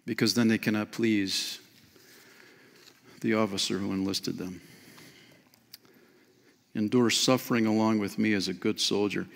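A man in his fifties preaching a sermon from a lectern in a church, lively and emphatic, often calling listeners "man" and "friend". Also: fairly low pitch, unhurried, vocal fry, long pauses. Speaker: pastor. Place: church stage behind a clear lectern. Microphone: lectern mic. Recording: long church hall reverb.

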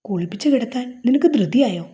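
A woman's voice: on the high side, expressive, fast talker, warm tone, close to an everyday voice. A woman voicing a sulky young husband who turns playfully teasing in a romance novel reading. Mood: grumbling.

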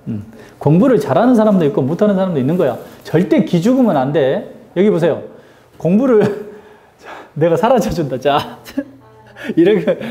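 A male English teacher giving a lively classroom grammar lesson, drilling students with call-and-response questions and teasing them. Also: a little high, echoey room.

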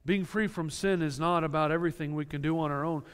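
A man's smooth, resonant, slightly high voice carries an earnest sermon, his words echoing with the long reverb of a church sanctuary. Drawing on homely everyday examples to explain scripture, the pastor talks fast with fairly even intonation.

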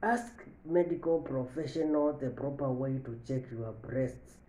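Man in his thirties, very slow, very dark mellow voice, health lesson, repeats points, echoey office. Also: mid-range voice. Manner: repeats each point slowly, stressing key lines. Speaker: medical educator. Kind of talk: health education talk to camera. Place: office with large window, indoors. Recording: echoey room.

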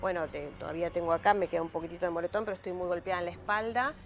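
A woman's voice: fairly low pitch, steady tone, very fast, faint music behind. A woman with a Rioplatense Spanish accent telling of a recent robbery on a TV show, in an emotional and vivid way. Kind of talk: personal account on a talk show.

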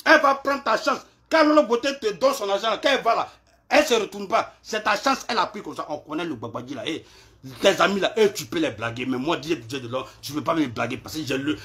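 A man, ranting in a live social media clash video, taunting and repeating himself, shouting at times and dropping to low mutters. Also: lively intonation, fairly quick, creaky. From Ivory Coast.

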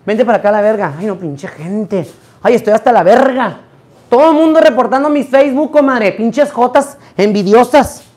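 A hoarse man hosting a rowdy live stream at an indoor party, cursing and exclaiming theatrically. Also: extremely high pitch, moderate pace, darkish tone. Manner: brash, profane, theatrical exclamations.

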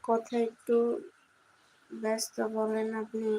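A young woman from Bangladesh hosting a casual live stream, reading viewers' comments aloud and answering them in a soft, quiet voice. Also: on the high side, monotone, slow pace, a little hiss or hum, low-quality recording.

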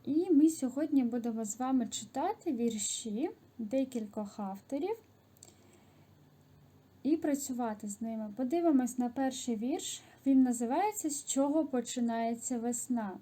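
Patient, mellow-voiced woman teacher. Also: high voice, lively intonation, moderate pace, breathy edge. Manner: patient, explanatory, with small hesitations and self-corrections. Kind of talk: literature lesson for children, reading and explaining a poem.

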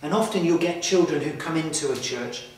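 A man in his thirties presenting to camera in a slow, earnest, reflective way, inside a stone church. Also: a little high. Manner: slow, earnest, with emphatic pauses. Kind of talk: reflective documentary talk to camera. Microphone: far camera mic. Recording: echoey church from far off.

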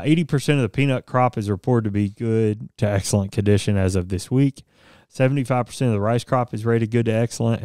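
Relaxed man with a mellow studio voice. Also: lowish voice, no room sound. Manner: conversational, reads statistics with frequent fillers. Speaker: podcast co-host. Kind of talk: casual radio-style news chat. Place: small studio office with bookshelves. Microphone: studio mic on boom arm, headphones.

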